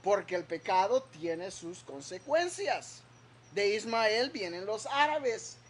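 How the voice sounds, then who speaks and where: Slow, emphatic preaching man. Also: sits high, fairly bright tone, a little hiss or hum. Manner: slow, emphatic preaching with dramatic quoted voices. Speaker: pastor. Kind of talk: sermon.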